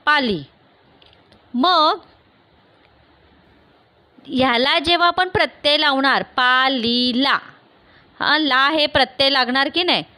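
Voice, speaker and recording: A woman with a Marathi accent teaches a grammar lesson, working through the points step by step and answering her own questions. Her voice is high and bright. The recording is close and dry, with no room sound. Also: takes it slowly, pauses often, no room sound.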